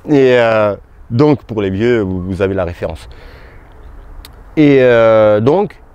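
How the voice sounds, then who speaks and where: A man giving casual, halting boxing commentary straight to his viewers, as if chatting with a friend. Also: on the low side, lively intonation, darkish tone, clean tone, no echo, muffled recording. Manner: hesitant, halting, talks to viewers as "tu". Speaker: boxing YouTuber.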